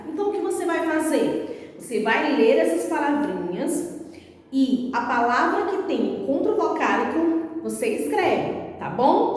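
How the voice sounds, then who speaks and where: Brazilian teacher lady, high voice, talks real slow to little kids, lots of echo from far off. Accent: Brazilian Portuguese. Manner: slow, patient, syllable-by-syllable explaining. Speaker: primary school teacher. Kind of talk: explanatory lesson for young children. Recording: echoey room, voice from a distance.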